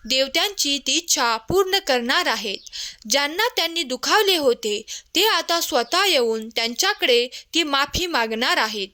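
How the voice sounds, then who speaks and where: A woman reads a devotional message aloud, speaking tenderly to the listener as if to a child. Her voice sits high and has a bright, forward edge. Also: lively intonation, moderate pace.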